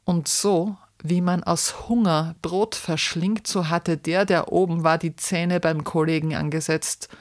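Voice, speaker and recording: A woman reading a verse narration aloud in a measured, expressive way. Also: lowish voice, no room sound, studio quality. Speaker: reader.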